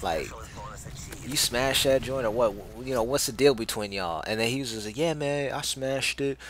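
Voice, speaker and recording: A man's voice: medium pitch, normal speed, a bit bright, slight background noise. Slangy young man telling a story. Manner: slangy, laid-back storytelling with frequent laughs. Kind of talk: casual anecdote over gameplay. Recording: gameplay audio with gunfire behind.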